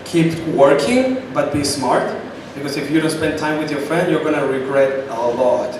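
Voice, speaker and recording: A man's voice: a little high, moderate pace, far from the mic. Man, Chilean accent, emphatic guest speaker, echoey room, audible background noise. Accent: Chilean Spanish. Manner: energetic, emphatic, repeats for stress. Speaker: guest speaker at a startup event. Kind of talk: answering questions at a live event.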